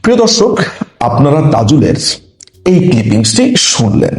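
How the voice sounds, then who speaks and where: A man delivers political commentary straight to his viewers, his pitch rising and falling in a very lively way. He pushes his points with emphatic rhetorical questions, and the voice rings in a roomy echo. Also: normal speed. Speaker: talk show host.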